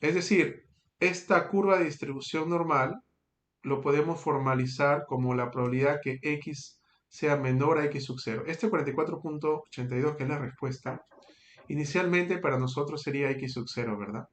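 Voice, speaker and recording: Male teacher, patient step-by-step explainer, fairly high voice, echoey room. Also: moderate pace. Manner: patient, checks in with frequent tag questions. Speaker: statistics teacher. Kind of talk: screen-recorded tutorial.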